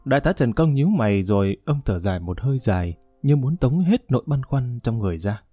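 A man narrating an audiobook in a calm, even storytelling manner. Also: medium pitch, fairly quick, slightly rough, no echo, faint music behind.

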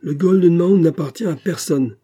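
A man's voice: mid-range voice, a little fast, slightly rough, pitched above the performer's own voice, lightly acted. A man voicing a brash, menacing gang leader. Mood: threatening. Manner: raised, loud, confrontational delivery. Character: hostile, brash adult male Texan gang leader.

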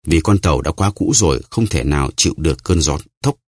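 A man voicing a calm, probing English visitor. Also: very deep voice, husky, dry recording, clean studio sound, exaggerated voice. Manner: measured, steady.

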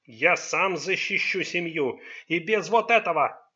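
A man's voice: on the high side, expressive, measured pace, sharp tone, husky, highs cut off, exaggerated voice. A man doing a stern, proud father. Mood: angry. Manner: stern, commanding. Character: stern immigrant father, proud, easily angered.

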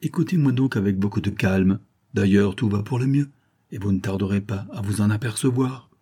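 Man voicing a scheming adventuress, falsely gentle, coaxing, raised voice, husky. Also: mid-range voice, moderate pace, voice pushed up, natural voice. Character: scheming female adventuress, sweet-talking and false.

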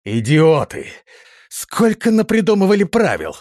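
A man's voice: fairly low pitch, big pitch swings, moderate pace, no echo, clean studio sound. A man voicing a petulant, panicky prince who squeals and whines his commands. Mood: panicky, shrill. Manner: squealing, whiny, bossy outbursts. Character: panicky, shrill, petulant male prince, middle-aged.

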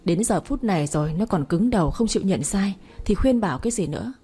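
A woman's voice: medium pitch, expressive, fast, warm tone, breathy edge, soft background music. A woman voicing an angry, stern elderly father who scolds harshly in a storybook reading. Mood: furious.

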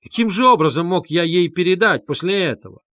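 A shrill, scornful middle-aged man, as a male reader puts him on snaps and shrieks with haughty fury. His voice is pushed high and loud, and the sound stays dry and close in a storybook reading. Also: animated, moderate pace, no echo.

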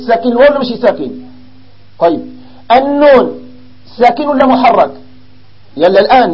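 A man with a Moroccan accent teaching an Arabic grammar lesson to a class, explaining slowly and quizzing his students. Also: very high voice, muffled recording. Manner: explains slowly, asks the class questions, mixes in dialect.

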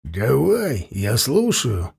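A man voicing a grim, menacing warrior who speaks quietly, evenly and without hurry. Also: mid-range voice, vocal fry, breathy edge, full character voice. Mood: cold. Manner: quiet, even and unhurried.

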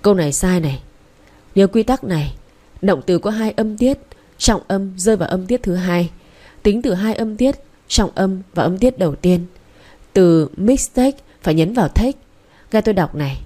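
A woman reading the lines of a calm, patient young man who tutors and explains things step by step, in an audiobook. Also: mid-range voice, moderate pace, lightly acted. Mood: instructive. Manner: patient, instructive.

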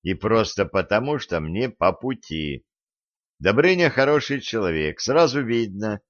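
A man voicing a patient, seasoned monster hunter in an audiobook, calm and restrained with a sarcastic edge. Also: fairly low pitch, unhurried, dry recording. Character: patient seasoned adult male monster hunter, dry wit. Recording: dull lo-fi recording.

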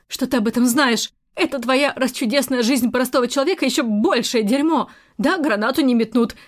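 A woman's voice: high-pitched, lightly acted. Woman voicing an earnest, defensive young woman.

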